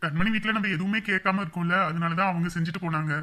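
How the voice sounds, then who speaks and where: A man playing a calm grown son who makes peace in a family drama. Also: sits high, fast talker.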